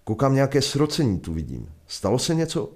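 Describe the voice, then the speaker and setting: A man voicing a frontier sheriff, who asks loudly and with authority what is going on. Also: medium pitch, huge pitch swings, husky, voice pushed up. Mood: inquisitive. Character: brisk frontier sheriff, man, middle-aged.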